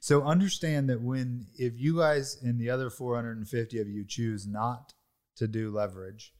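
A man's voice: mid-range voice, steady tone, normal speed, darkish tone. A man hosting a casual business conversation, coaching his guests in an emphatic way and laughing easily. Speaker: podcast host.

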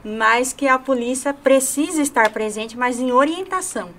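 A Brazilian woman, a guest official on a talk show, explaining things in a measured way. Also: high-pitched, a bit bright, slight background noise. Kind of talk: casual chat.

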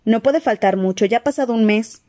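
Una mujer que lee un audiolibro y da voz a un muchacho mago franco y entusiasta. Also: female voice, fairly high pitch, fairly quick, warm tone, lightly acted. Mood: eager. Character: teenage wizard boy, blunt and amused. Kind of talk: audiobook character voice.

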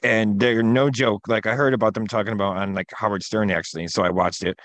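A man's voice: lowish voice, steady tone, brisk, fairly bright tone, no room sound. A man co-host of a podcast, chatting casually and rambling through stories with lots of filler words. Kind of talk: casual chat.

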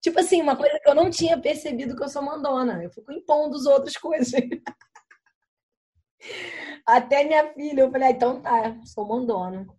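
A woman guest on a podcast, telling stories in an animated, chatty way and swearing now and then. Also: sits high, brisk, pauses often. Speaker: podcast guest, content creator. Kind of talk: casual chat.

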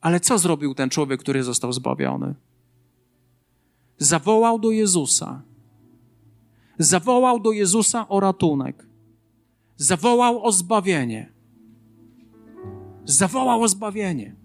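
A man's voice: high voice, big pitch swings, a little slow, long pauses, a little mellow, soft background music. A man preaching a sermon as a pastor, driving points home with earnest, emphatic repetition.

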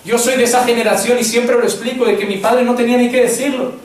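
A man's voice: very high-pitched, fairly even intonation, fast talker, a little hiss or hum. A man with a Spanish accent preaching a sermon as a pastor, speaking directly to the congregation and retelling vivid scenes. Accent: Spain. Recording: echoey hall from far off.

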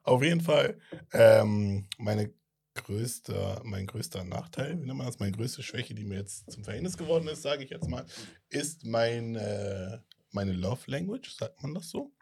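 A young man co-hosting a casual podcast, talking in a blunt, teasing way full of slang. His voice is husky, and his pitch sits in the middle. He tells stories loosely, with plenty of restarts. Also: animated, measured pace, darkish tone. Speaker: podcast co-host. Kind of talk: casual chat.

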